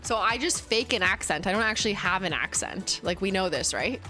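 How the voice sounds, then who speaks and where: Over faint music, a young Canadian brand founder hosts a casual livestream, sick and losing her voice. Her medium-pitched voice is animated, brisk and sharp-toned, with a Canadian English accent. She chats freely, laughs often and switches between English and French.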